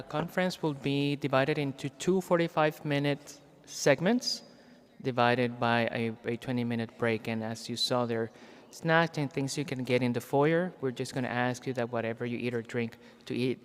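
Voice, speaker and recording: A man acting as host, introducing a guest speaker and giving announcements in a chatty, joking way with many fillers. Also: medium pitch. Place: large echoey church. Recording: long hall reverb in a church.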